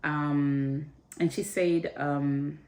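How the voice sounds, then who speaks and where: A woman's voice: deep voice, a little slow, reverberant. A woman host telling a candid personal story in a conversational way, retelling what others said in her own voice. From Africa.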